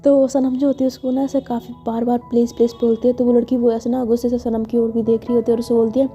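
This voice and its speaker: A woman's voice: on the high side, little pitch movement, fast, dark tone. A woman narrating a love story in a chatty, casual way, full of fillers. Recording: dull lo-fi with faint music.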